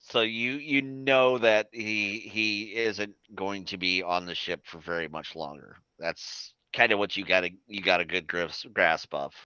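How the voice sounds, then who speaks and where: Bright-voiced male game master, rambling. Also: on the low side, steady tone, unhurried, hardly any pauses, smooth, no room sound, lo-fi sound. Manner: rambling, many fillers. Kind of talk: narrating a tabletop game.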